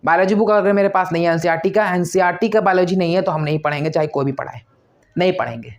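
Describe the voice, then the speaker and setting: The clip has dull audio of a man with a high voice talking fast as he motivates exam-prep students. Emphatic and repetitive, he keeps tossing out rhetorical questions.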